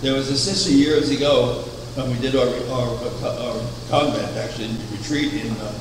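Standing at a wooden pulpit in a chapel, an older man preaches at a medium pitch, measured and anecdotal, asking rhetorical questions; he is the founder of a religious order. The camera is far away, so the chapel sounds echoey, with air conditioning humming in the background.

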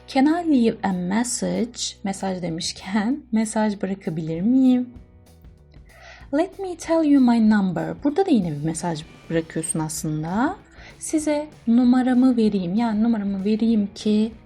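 A woman's voice: mid-range voice, mellow. A woman teacher patiently explaining English phone phrases. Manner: clear, patient explaining, mixing English phrases with Turkish translations.

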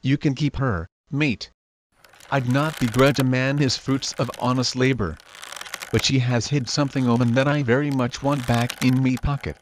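A man's voice: mid-range voice, fairly even intonation, moderate pace, a little hiss or hum, natural voice. A man voicing a wily, flippant pirate captain in a motion comic, with a wordy, theatrical manner. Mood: sly, flippant. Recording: background music under the voice.

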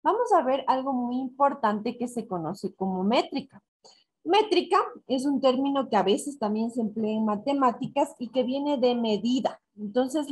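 A woman teacher giving a recorded class, explaining slowly and step by step, counting syllables aloud and answering her own questions. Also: high voice. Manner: slow and deliberate, counting syllables aloud and asking herself questions. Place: school in Ecuador.

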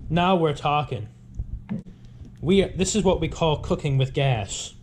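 A young man talks casually through his cooking in a slightly high voice. He is informal and emphatic, repeating himself for stress. Clear background noise and clicks sit behind him in a home kitchen. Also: animated, unhurried. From Rhode Island, USA. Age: 20s. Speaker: home cook vlogger. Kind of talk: casual cooking vlog narration. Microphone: action camera, close or at arm's length.

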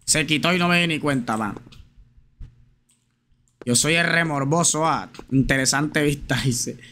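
A man's voice: fairly high pitch, a little slow, bright, forceful tone, a little hiss or hum. A man streaming a game live, chatting casually and slangily straight to his viewers and reading their messages aloud. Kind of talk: casual live gameplay chat.

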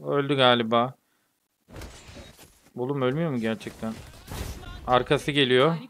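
A man's voice: medium pitch, fairly even intonation, a little slow, fairly bright tone, slight background noise. A young man from Turkey commentating his own mobile game like a football match, joking and grumbling at his teammates. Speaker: gaming streamer. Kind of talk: gameplay commentary.

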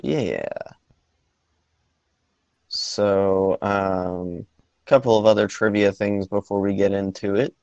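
A man chats slowly through a movie podcast, with frequent pauses and restarts. His voice sits very low and has a gravelly fry to it. The recording is dry and close. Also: fairly even intonation, darkish tone, dry recording, dull audio. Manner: hesitant, many ums and restarts. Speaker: podcast co-host. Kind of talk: casual movie podcast chat.

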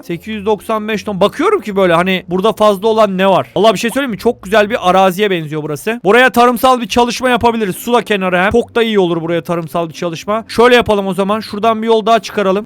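A man giving casual gameplay commentary as a YouTuber, chatty and excitable, jokingly scolding the people in his game and dropping in English game terms. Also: high-pitched. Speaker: gaming YouTuber.

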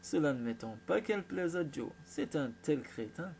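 Un jeune frère effronté qui se moque sans retenue de sa sœur, joué par un narrateur masculin à la voix assez aiguë. Il parle fort, avec un entrain railleur, dans une lecture de roman enregistrée avec un léger souffle. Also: male voice, fairly high pitch, expressive, moderate pace, gravelly, darkish tone, slight background noise. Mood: moqueur. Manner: mocking, exuberant. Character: teasing young adult brother.

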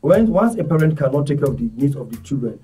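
A man, a charity volunteer speaking as a guest in earnest, halting talk full of restarts. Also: medium pitch, animated, warm tone. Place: studio set. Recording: distant mic, faint music behind.

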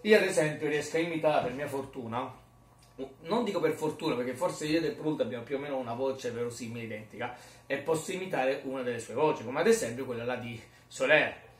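A man's voice: medium pitch, fast. A man vlogging in a rambling, jokey, self-mocking casual chat. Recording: roomy echo, mic far off.

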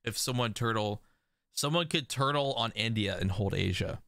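A man streaming a strategy game, commenting live, excitable and laughing often, breaking into disbelieving exclamations. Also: medium pitch, moderate pace, creaky, no echo, studio quality. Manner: laughs often while talking.

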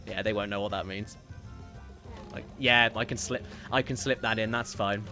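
A man's voice: fairly low pitch, fairly even intonation, moderate pace, pushed and bright, soft background music. Chatty rambling male game streamer. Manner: rambling, self-correcting, reads viewer messages aloud. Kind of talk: casual gameplay commentary.

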